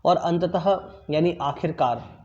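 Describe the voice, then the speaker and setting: A man teaching an online class, explaining answers slowly and repeating them, often checking in with his pupils. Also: fairly high pitch, darkish tone, dull audio. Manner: drills pronunciation, word then pause for pupils.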